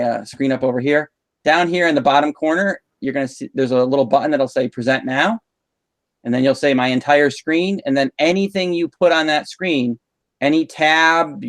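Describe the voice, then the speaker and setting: Over a video call mic, a male trainer in instructional technology runs a live online workshop for teachers. He explains the tools patiently, often saying "um," in a mid-range voice with a dry recording.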